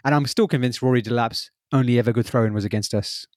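Man, podcast host, casual jokey chat, mid pitch, dry close sound. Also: quick pace, dry recording. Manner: jokey, laughs often, runs the segment.

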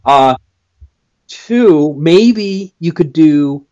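A man's voice: on the high side, animated, drawn-out words, a little mellow, dull audio. A man chatting casually as a guest, hesitant and full of filler words. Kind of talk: casual chat.

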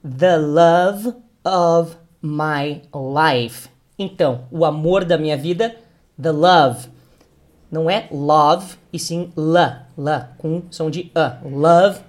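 A man walks a learner through English pronunciation at a deliberate, unhurried pace. He breaks words into their sounds and drills them patiently, asking the student to repeat after him. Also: fairly high pitch. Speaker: English teacher. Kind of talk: pronunciation lesson.

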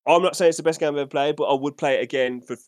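A man's voice: on the high side, fairly even intonation, racing, darkish tone, no room sound. A man co-hosting a gaming podcast, telling a story in a rambling, enthusiastic way. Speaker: podcast co-host. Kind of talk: casual storytelling chat.

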